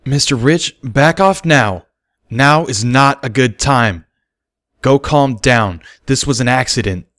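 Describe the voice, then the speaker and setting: A panicky young unicorn colt, strained and frantic, as a man puts him on in an audiobook reading. The voice is pushed far above the reader's own deep register and gets loud and ragged. It has a dry, close sound. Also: slow pace, no echo. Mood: strained pleading. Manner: strained, panicky pleading and screaming. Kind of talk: audiobook reading of a fan story.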